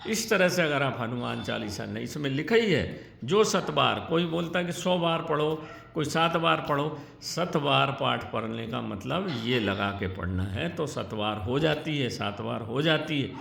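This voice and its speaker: A man's voice: medium pitch, a little slow, vocal fry, fairly bright tone. A middle-aged man, a spiritual teacher, giving earnest devotional instruction and chanting syllables and verses as he explains. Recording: echoey room with faint ambience.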